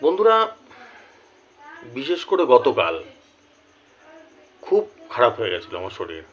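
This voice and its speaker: A man who is unwell with a headache, talking slowly and carefully straight to camera as a lottery tipster and repeating his numbers. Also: medium pitch, wildly swooping pitch, husky, dull audio. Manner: slow, careful speech, repeating figures. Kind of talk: direct-to-camera talk.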